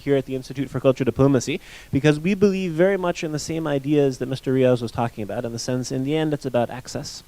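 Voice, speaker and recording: A man hosting an event, giving a formal introduction of a guest speaker in a brisk, polished way. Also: a little high. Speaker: event host.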